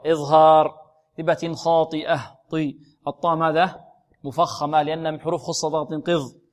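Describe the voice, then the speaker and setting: A man teaching a Quran recitation lesson, asking questions and answering them himself, and drawing out the recited words slowly. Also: on the high side, level tone.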